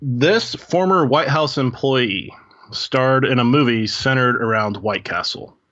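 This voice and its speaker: A man co-hosting a podcast in casual chat, giving brief, low-key replies. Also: measured pace, fairly bright tone, dull audio. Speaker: podcast co-host.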